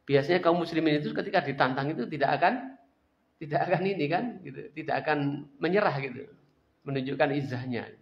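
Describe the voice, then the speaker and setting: A male religious teacher, telling an Islamic history lesson in a lecture hall, slowing down for emphasis. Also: fairly high pitch, vocal fry. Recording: dull lo-fi lecture recording.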